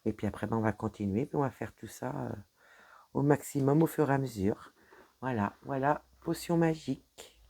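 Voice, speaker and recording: Showing her cross-stitch progress from her home desk, a French-accented woman talks casually and ramblingly in a show-and-tell vlog, often stumbling. Her voice is rumbling low and dark, with vocal fry, at normal speed.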